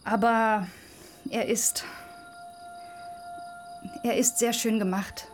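A woman's voice: fairly high pitch, fairly even intonation, drawn-out words, faint music behind. An actress voicing a reserved older sister in her twenties who talks curtly in a dubbed drama. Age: 20s. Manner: curt, reserved. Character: guarded older sister in her twenties, back after years away.

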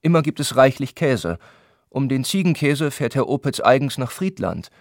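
A man's voice: mid-range voice, very animated, moderate pace, dry recording, clean studio sound, voice pushed up. A man voicing a stiff, dignified young patient who answers in a curt, formal way. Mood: matter-of-fact.

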